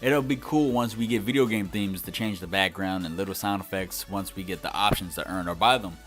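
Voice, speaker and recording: A man's voice: deep voice, a little fast, a bit bright, soft background music. A young man giving a scripted but conversational video game review as its host.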